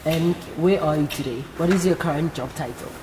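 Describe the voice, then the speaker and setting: A South African woman hosts a live career talk show interview before young guests, encouraging them and addressing her audience directly. She speaks fairly quickly in a low voice, in an echoing hall with faint background noise.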